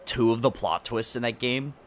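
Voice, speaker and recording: A man's voice: medium pitch, normal speed. A young man chatting casually while streaming a video game, rambling from one thought to the next and laughing mid-sentence. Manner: rambling, chatty, jokes and talks to a friend. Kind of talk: casual let's-play commentary.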